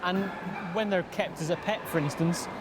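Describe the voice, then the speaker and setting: Man, TV presenter, friendly questions, high voice, outdoor traffic noise. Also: moderate pace. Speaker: television show presenter. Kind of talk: interview questions. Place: outdoors at a dog show.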